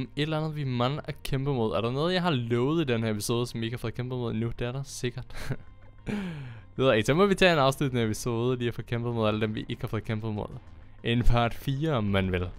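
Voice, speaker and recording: A young man chatting casually as he plays a game on his channel, excitable and quick to laugh. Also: mid-range voice, smooth. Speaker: gaming YouTuber. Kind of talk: casual Minecraft commentary.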